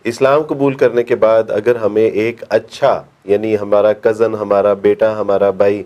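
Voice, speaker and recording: A middle-aged man answering as an interview guest, with measured, devout phrasing. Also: lowish voice, flat delivery, mellow, dull audio. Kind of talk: interview conversation.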